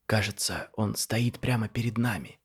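A man voicing Marina, a bossy, exasperated female figure in a painting who hushes and scolds the others. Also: lowish voice, moderate pace, breathy edge. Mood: hushed.

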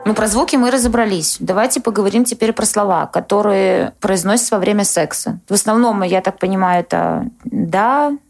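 A woman co-hosts a relaxed podcast chat in a voice with a lot of vocal fry. She speaks casually and hesitantly, her pitch in an ordinary middle range. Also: brisk, few pauses, soft background music. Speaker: podcast co-host.

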